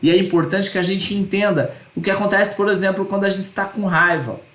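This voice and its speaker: A man's voice: high-pitched, fairly even intonation, fairly quick, a bit bright, roomy sound. A man teaching an online course lecture, earnest and repeating his points with tag questions.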